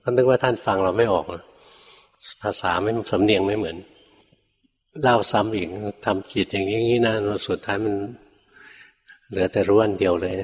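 Older monk, low voice, reverberant hall. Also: male voice. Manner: animated storyteller, acts out his teachers' rebukes, chuckles often. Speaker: Buddhist monk teacher. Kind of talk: storytelling dharma talk.

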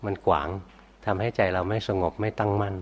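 An older man, a Buddhist monk, teaching meditation calmly and answering students' questions. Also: on the low side, dull audio, a little hiss or hum. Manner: calm, unhurried, ends phrases with a soft particle; hard of hearing.

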